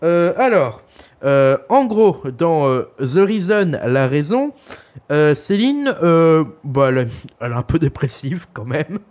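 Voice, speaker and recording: A man's voice: fairly high pitch, very animated, measured pace, a little mellow. Young male podcast co-host, loose jokey chat, crude humor, filler-heavy rambling. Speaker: podcast co-host reviewing an album. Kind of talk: casual chat.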